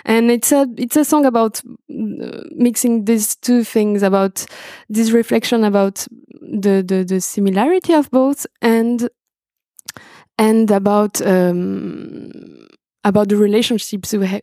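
A woman's voice: medium pitch, fairly even intonation, a little slow, warm tone, no echo, clean studio sound. A young woman from Brazil, speaking as a guest on a video call from home and stopping often to search for words. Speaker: guest musician. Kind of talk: interview conversation. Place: home, indoors.

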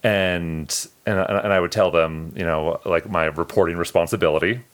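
With a low, fairly bright voice and fairly even intonation, a man speaks at a moderate pace. He co-hosts a casual podcast chat, telling heartfelt personal stories in an earnest, emotional way.

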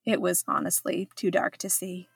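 A woman's voice: on the low side, level tone, moderate pace, creaky, breathy edge, no room sound, studio quality, soft background music. A woman reading her own travel memoir aloud in scripted first-person narration, reflective with a wry edge.

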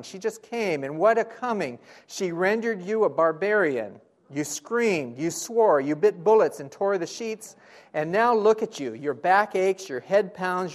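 A male pastor delivers a sermon in a fairly high voice. He builds his points with rhetorical questions and repeated phrases, pushing hard on some lines and dropping almost to a hush on others. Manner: dramatic swings between loud and hushed.

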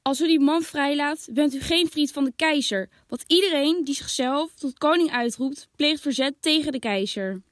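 A woman doing a high, shouting angry crowd. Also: normal speed, no echo, clean studio sound, close to an everyday voice. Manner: loud, shouting. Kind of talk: dramatized scripture reading.

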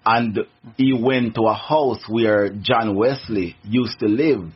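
A middle-aged man from Jamaica, a native Jamaican Patois speaker with a Jamaican accent, gives an earnest testimony on the radio in a casual interview, breaking off and restarting many times. He speaks slowly, with a medium, breathy voice and fairly even intonation, and the recording is muffled.

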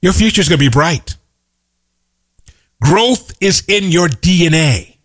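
A middle-aged man delivers a motivational monologue with emphatic repetition. His pitch sits a touch high for a man and moves in wide, lively swings. He drops into quick story asides between his numbered points. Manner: emphatic, repeats key lines for effect. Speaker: motivational speaker.

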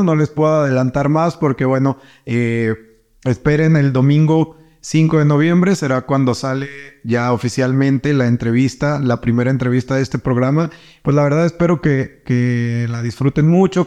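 Upbeat man hosting, slightly high voice. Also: dark tone, smooth. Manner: chatty, upbeat, stops and restarts often. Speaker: host. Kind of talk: casual podcast promo.

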